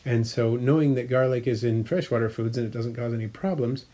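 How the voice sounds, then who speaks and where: Brisk and warm in a mid-range register, a male aquarium hobbyist vlogger casually chats about his tanks. He wanders a little, fixes his own wording, uses plenty of fillers, and explains with a hobbyist's eye for detail.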